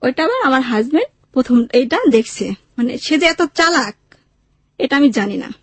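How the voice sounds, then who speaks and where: With an animated, high voice at a moderate pace and no echo, she shares personal stories as an interview guest. Her Bangladeshi accent comes through in plain colloquial speech, and she recounts events by quoting what people said.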